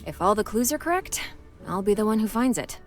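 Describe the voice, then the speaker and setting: A woman's voice: medium pitch, expressive, brisk, soft background music, lightly acted. A woman voicing a determined young female adventurer in a point-and-click game. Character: young woman adventurer hunting a lost crown.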